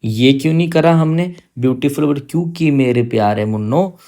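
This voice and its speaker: A man teaching an exam-prep grammar lesson in a gravelly, mellow voice. He coaxes and teases his students as he explains. He stretches out each English example slowly so they can follow. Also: medium pitch.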